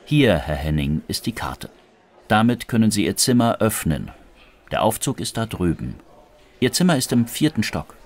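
A man's voice: fairly low pitch, sing-song, moderate pace, a little mellow. A man playing a helpful, courteous hotel desk clerk in a language-course dialogue.

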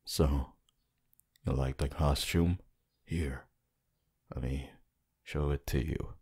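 Man voicing Hitoshi Shinsou, very deep husky flirt. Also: steady tone, darkish tone, heavily acted. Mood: tired, awkward. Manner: slow, halting, low-key delivery with sighs and pauses. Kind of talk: roleplay ASMR voice acting.

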